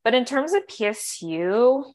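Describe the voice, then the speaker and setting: A woman's voice: on the high side, big pitch swings, unhurried, a little mellow. A young woman in her twenties co-hosting a student podcast in casual chat, chatty and emotional, laughing often.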